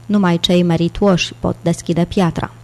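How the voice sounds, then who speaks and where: A woman voicing a calm, defiant older British scholar on crutches, in an audiobook. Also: on the low side, close to an everyday voice.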